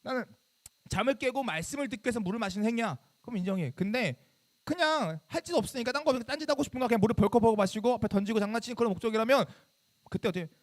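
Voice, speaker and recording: A man's voice: very high voice, very fast. A man in his thirties, a youth pastor giving a sermon to middle schoolers, talking conversationally and quizzing them with questions. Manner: bursts into loud scolding when acting out his younger self.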